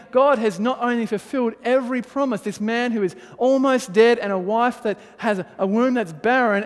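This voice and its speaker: High-voiced preacher man in a reverberant hall. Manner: reads scripture aloud, then preaches with rising emphasis. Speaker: pastor. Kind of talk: sermon.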